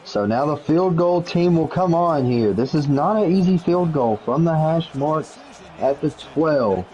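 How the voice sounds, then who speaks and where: A man calling play-by-play for a video game league, quick and jokey, rising to shouts on big plays. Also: fairly high pitch, animated, lo-fi sound. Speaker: play-by-play commentator.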